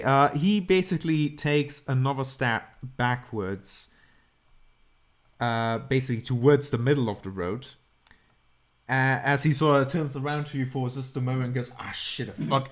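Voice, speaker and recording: Man, game master, improvised narration, middle pitch, hesitant and self-correcting. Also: steady tone, moderate pace.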